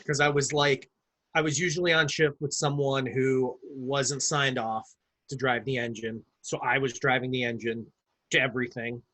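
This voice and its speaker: A man co-hosting a casual podcast, talking in a relaxed, dry way and swearing now and then. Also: mid-range voice, normal speed, rough recording. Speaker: podcast co-host. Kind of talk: casual chat.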